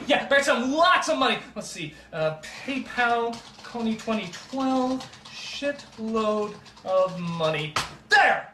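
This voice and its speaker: A man playing an excitable, gullible internet viewer in a comedy sketch, shouting in a frantic way. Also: very high voice, roomy sound, far from the mic, slight background noise, heavily acted. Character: excitable gullible adult man, easily swayed.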